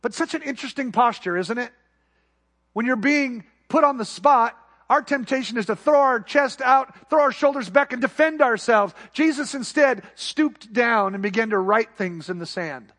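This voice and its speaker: Man, pastor, sermon, high-pitched voice, emphatic then hushed delivery. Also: animated, moderate pace. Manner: preaching with rising emphasis and soft, quiet asides.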